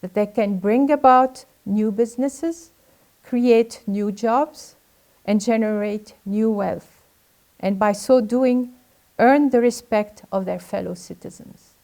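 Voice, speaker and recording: A woman's voice: medium pitch, takes it slowly, warm tone. An older woman from Lebanon delivering a formal, earnest graduation speech that urges her listeners on. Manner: earnest, exhorting. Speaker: graduation speaker.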